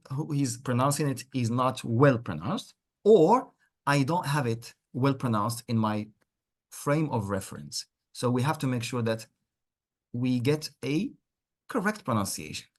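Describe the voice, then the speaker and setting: A man teaching English pronunciation in an interactive lesson, speaking deliberately, repeating words for learners and encouraging them. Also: medium pitch.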